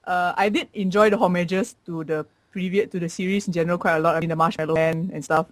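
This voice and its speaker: A man talks fast in a high voice, recorded close and dry. He chats casually about films with wry quips. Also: steady tone, no echo. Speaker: podcast co-host. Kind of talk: casual movie review chat.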